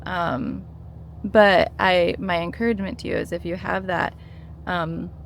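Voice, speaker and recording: Talking to the camera about her own withdrawal, a woman in her thirties sounds earnest and encouraging while stumbling through many fillers and restarts. Her fairly low, gravelly voice holds a steady tone at a slightly slow pace, and some background noise can be heard.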